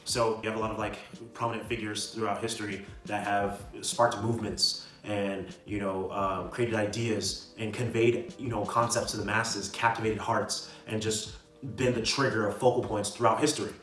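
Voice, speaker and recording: A young man hosts a self-improvement video, offering motivational advice to camera in a casual, slangy way and often tossing in a "right?" to check in. His lowish voice is a bit bright, with little pitch movement and a moderate pace. The mic is distant, the room echoes, and music plays behind him.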